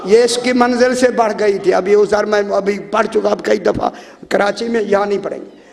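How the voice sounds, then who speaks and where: High, gravelly-voiced emphatic preacher. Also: male voice, fairly even intonation, moderate pace, a little hiss or hum. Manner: emphatic, shouts and laughs, addresses audience. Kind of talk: storytelling sermon. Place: religious gathering hall. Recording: long hall reverb, faint crowd.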